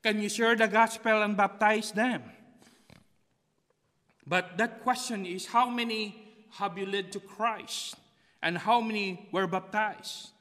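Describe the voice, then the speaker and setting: Standing behind the pulpit of an empty sanctuary, a middle-aged man from the Philippines with a Filipino accent delivers a sermon and keeps returning to key phrases. His Tagalog-native voice sits high, bright and pushed, with a steady tone and a slow pace. The sound comes from a stand-mounted pulpit mic and a far camera, wrapped in long church reverb.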